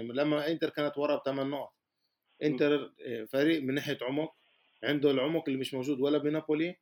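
Very rapid Palestinian Arabic male pundit. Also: medium pitch, darkish tone. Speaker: guest football pundit. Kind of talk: casual sports analysis.

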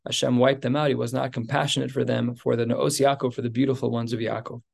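Gravelly-voiced man teaching Talmud. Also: medium pitch, flat delivery, fast, a little mellow. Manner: explains text in plain English, many fillers and restarts. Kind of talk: Talmud class, translating Aramaic line by line.

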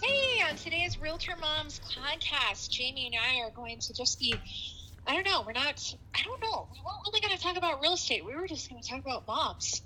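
A woman's voice: sing-song, fairly quick, sharp tone, a little hiss or hum. Chatty woman over a phone line. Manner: chatty, rambling with restarts. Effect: heard over a phone line, low quality stream. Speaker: podcast co-host. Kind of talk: casual chat. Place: home.

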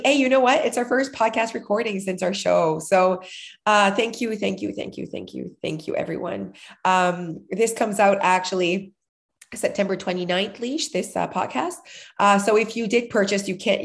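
A podcast co-host in her thirties chats casually and laughs often, sounding a little sick. Her mid-range voice is gravelly and slightly nasal.

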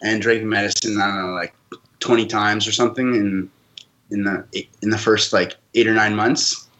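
A man from Canada speaks as a podcast guest. His voice is bright and forceful, a little low in pitch, and he tells his story in an earnest, reflective way. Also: steady tone, normal speed, poor audio. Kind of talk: casual interview storytelling.

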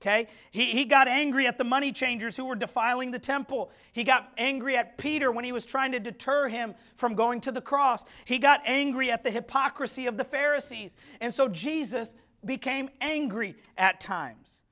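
A male pastor preaching an impassioned sermon to his congregation, full of rhetorical questions and quick stammered restarts. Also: very high voice, bright, forceful tone. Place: church sanctuary.

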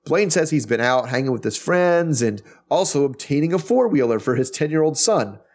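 A man hosting a podcast, recapping an episode in a wry, animated way, with many restarts. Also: a little high, moderate pace. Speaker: podcast host. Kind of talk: casual recap chat.

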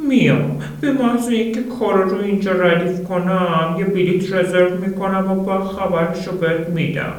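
Casting: male reader playing a wary, slight young woman, high voice, roomy sound. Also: fairly even intonation, few pauses, a little hiss or hum, close to an everyday voice. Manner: hesitant, questioning. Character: soft-spoken hesitant young woman.

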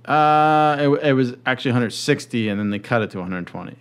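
A man's voice: mid-range voice, expressive, quick pace, clean tone. A man hosting a casual comedic commentary chat, talking informally and joking. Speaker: show host.

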